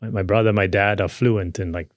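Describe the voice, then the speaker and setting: A man's voice: lowish voice, fairly even intonation, a little fast, dry recording, studio quality. A man of around sixty with a Maltese accent, speaking conversationally as an interview guest and telling personal stories in a self-deprecating way. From Malta. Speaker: podcast guest.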